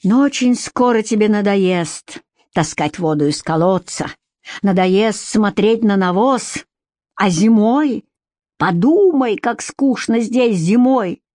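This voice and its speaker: A jealous adult husband full of contempt, mocking and snapping in anger, as a woman reader puts him on. The delivery is unhurried, and the sound is dry and close, with no room around it. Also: high-pitched, darkish tone, dry recording.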